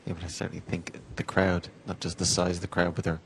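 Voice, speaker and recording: A man's voice: sits low, completely flat delivery, fast, fairly bright tone. A man giving analytical snooker co-commentary in an understated, matter-of-fact manner. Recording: background noise and arena ambience.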